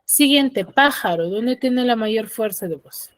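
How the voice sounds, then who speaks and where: A woman's voice: a little high, lively intonation, unhurried, no room sound. A woman teaching a secondary school class over a video call, quizzing her students and checking often that they follow. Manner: quizzes the students, often checks understanding with short tag questions.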